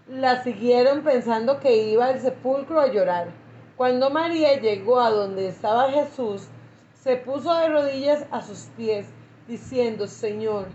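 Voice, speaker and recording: A woman pastor teaching a Bible class, reading scripture slowly and repeating phrases for emphasis. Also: fairly high pitch, a little mellow, slight background noise. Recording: echoey, muffled lo-fi recording.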